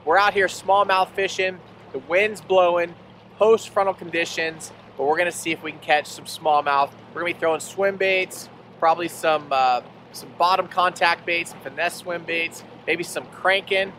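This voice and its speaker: A fishing host in his thirties opens the video from his boat in an upbeat, matter-of-fact way. His voice is a little high and quite bright for a man. Faint wind and water noise from the open lake sit behind him. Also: fairly even intonation, moderate pace. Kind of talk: on-camera show intro.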